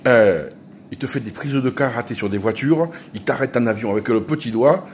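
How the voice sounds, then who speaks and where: A man's voice: medium pitch, a little fast, darkish tone, a little hiss or hum. A man, rambling and joking in a casual vlog monologue, often restarting his sentences. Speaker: YouTuber.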